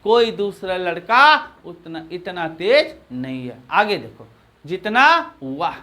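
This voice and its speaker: High, bright-voiced Hindi-accented male teacher. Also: lively intonation. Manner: drills phrases slowly, asks and answers own questions. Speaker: English teacher. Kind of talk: classroom grammar lesson.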